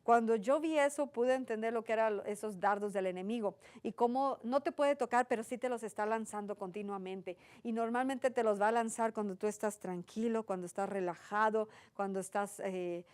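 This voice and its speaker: A woman's voice: fairly high pitch, normal speed, few pauses, a little mellow, clear, resonant tone. Earnest woman teaching a sermon. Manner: earnest, repetitive lists with frequent tag questions. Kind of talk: conversational sermon.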